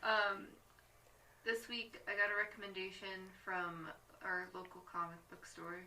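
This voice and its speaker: A woman's voice: mid-range voice, steady tone, a little slow, bright, forceful tone. A woman co-hosting a casual podcast, chatty and laughing as she recaps a comic book. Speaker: podcast co-host. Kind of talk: casual chat. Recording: distant mic with faint noise.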